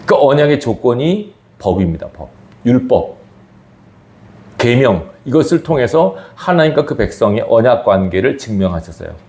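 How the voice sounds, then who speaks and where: A man's voice: medium pitch, very animated, normal speed, darkish tone. A man preaching a sermon as pastor, his emphasis rising and falling sharply. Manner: emphatic preaching with sudden rises and drops. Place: church sanctuary. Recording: echoey church hall.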